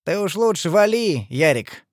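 A man voicing a rough, foul-mouthed young thug in a storybook reading. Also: high-pitched, big pitch swings, a little slow, no room sound, clean studio sound, pitched above the performer's own voice. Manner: gruff, swearing, bossy. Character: rough young male street thug, crude.

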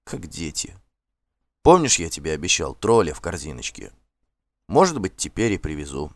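Guy reading a soft-spoken torn young warrior in a saga audiobook, low dry voice. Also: sing-song, brisk, dry recording. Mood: gentle. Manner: gentle, pleading.

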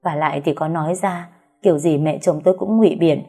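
A woman narrating a story in the first person with calm, even delivery. Her voice is low and mellow. Faint music plays in the background. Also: a little fast, breathy edge.

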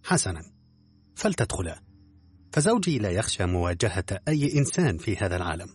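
A curt, suspicious tall woman guarding her door, as a man reads her in an audiobook. The voice stays low and husky, with clipped replies. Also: very animated, fast, heavily acted. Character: sharp-tongued tall woman, wary and curt. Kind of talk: audiobook character reading.

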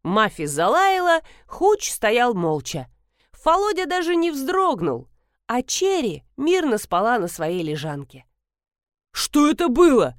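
A woman narrating an audiobook with a lively, expressive reading. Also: on the high side, unhurried, no echo, clean studio sound. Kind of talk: audiobook narration with character voices.

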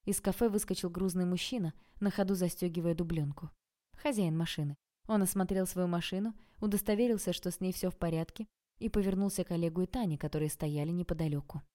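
A woman narrating an audiobook in a calm, even reading voice. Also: on the low side, fast.

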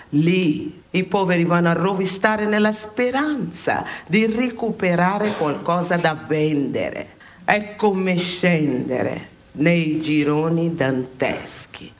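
In a radio play, a woman with a mid-range voice plays a passionate heavenly examiner who lectures souls. Her delivery is emphatic and theatrical, with dramatic pauses, though the acting stays fairly light.

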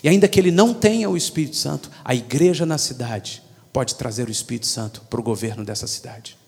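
A man with a Brazilian Portuguese accent preaching a sermon, emphatic and rhetorical, moving between loud declarations and hushed asides. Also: medium pitch, fast, vocal fry. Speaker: pastor. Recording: long hall reverb.

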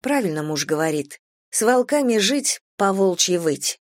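Женщина в роли сдержанной молодой женщины, сухой, отрывистый тон, в аудиокниге. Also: female voice, mid-range voice, expressive, normal speed, no echo, natural voice. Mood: curt. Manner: dry, clipped. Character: dry restrained young woman Valya.

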